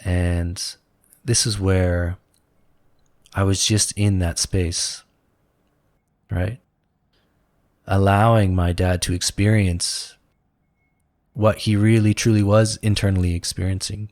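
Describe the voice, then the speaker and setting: A man's voice: low voice, steady tone, slow, long pauses, a little mellow, no echo, clean studio sound. A man co-hosting a spiritual talk show, telling a personal story in an earnest, reflective way, with many fillers. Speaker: podcast co-host.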